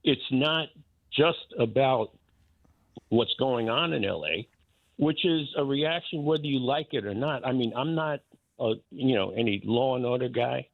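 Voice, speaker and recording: A man's voice: mid-range voice, unhurried, vocal fry, dry recording. Older New man calling in by phone. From New York. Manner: blunt, emphatic, argumentative. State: caller on a phone line to a radio show. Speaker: radio show caller, former talk radio host. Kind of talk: opinionated call-in talk. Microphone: telephone. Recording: tinny dry phone line.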